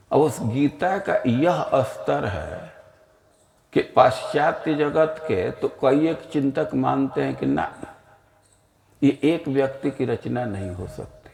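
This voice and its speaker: A man giving a slow, explanatory scripture lecture, asking his listeners rhetorical questions. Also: medium pitch, vocal fry, darkish tone, echoey room. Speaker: spiritual teacher.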